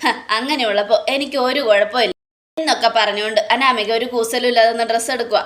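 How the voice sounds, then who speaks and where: Woman narrator, chatty serial recap, voice sits a bit high, casual fillers. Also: fairly even intonation, fast talker, fairly bright tone. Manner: chatty, fillers between scenes.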